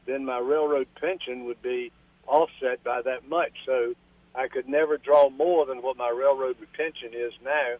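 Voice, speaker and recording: A man in his seventies phones in to a radio show with a question, polite and earnest, calling the host ma'am. His medium-pitched voice comes over a phone line with no room sound.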